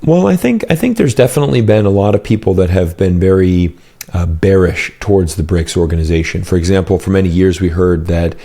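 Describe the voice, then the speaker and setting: This is a man from the United States, speaking as an interview guest in a fluent, explanatory way with plenty of "you know" fillers. His voice sits fairly low and sounds dark and mellow. He talks into a close boom mic in a home office. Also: fairly quick. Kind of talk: casual interview answers. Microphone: headset and boom mic.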